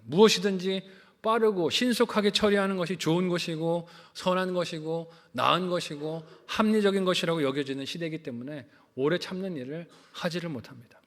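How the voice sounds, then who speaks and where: A man's voice: on the high side, fairly bright tone. A man preaching a sermon as a pastor, asking the congregation questions and answering them himself. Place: church sanctuary. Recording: reverberant church hall.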